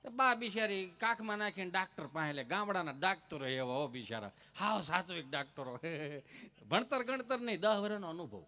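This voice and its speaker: A man telling comic folk stories on stage, with a lively, teasing delivery and punchy repetition. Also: sits high, moderate pace, few pauses. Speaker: stage comedian.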